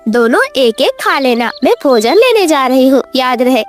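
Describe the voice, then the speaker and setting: A woman voicing a caring but strict mother sparrow in a children's cartoon, speaking in a gently firm, motherly way. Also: high-pitched, very animated, moderate pace, soft background music. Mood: instructing.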